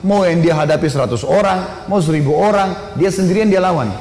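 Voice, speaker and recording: A man preaching a sermon, telling a story in an animated, colloquial way with rising emphasis. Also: high voice, brisk. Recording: echoey hall, faint noise.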